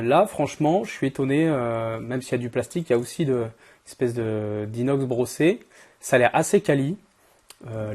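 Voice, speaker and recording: A man hosting a product review, talking informally and directly to the viewer in a strained, worn-out voice that is giving out, hoarse from a cold. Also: medium pitch, mellow. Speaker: host of an event-equipment channel.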